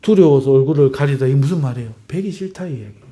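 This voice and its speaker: A man's voice: mid-range voice, rapid-fire, dark tone. A male pastor giving a Sunday afternoon sermon in a conversational way, firing rhetorical questions at the congregation and chuckling at his own remarks.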